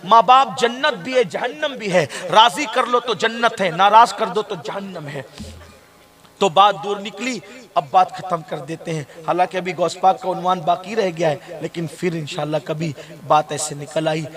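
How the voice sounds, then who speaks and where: High-voiced man preaching an impassioned sermon. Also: a bit bright. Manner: emotional, repetitive, addresses the crowd directly. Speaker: Islamic preacher.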